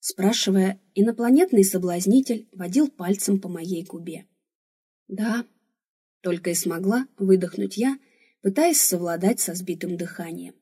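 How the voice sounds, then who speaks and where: A woman narrating a first-person audiobook at a calm, even pace. Her voice is very husky and breathy, with a dark, mellow tone. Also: medium pitch, moderate pace.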